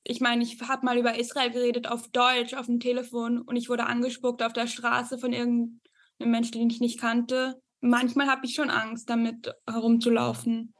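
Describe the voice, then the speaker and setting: A woman's voice: a little high, completely flat delivery, moderate pace. A woman in her twenties from Zurich, earnestly telling of her experiences in an interview. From Zurich, Switzerland. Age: 20s. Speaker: student, interviewee. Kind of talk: personal testimony in an interview.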